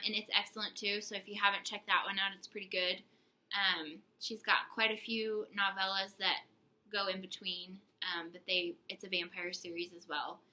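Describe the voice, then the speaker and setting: A woman's voice: mid-range voice, bright, forceful tone, low-quality recording. A young woman co-hosting a casual book haul video, chatty and giggly, teasing herself as she talks. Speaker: book channel co-host.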